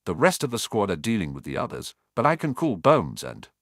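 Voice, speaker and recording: A man's voice: lowish voice, huge pitch swings, brisk, fairly bright tone, no room sound, clean studio sound, exaggerated voice. Man voicing an insistent young auror.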